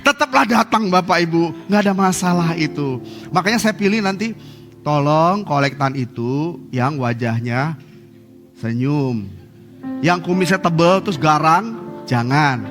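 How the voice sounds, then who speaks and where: A man preaching a sermon as pastor, lively and humorous, acting out quotes. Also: on the high side, measured pace. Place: church hall. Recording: church service with hall reverb and faint music.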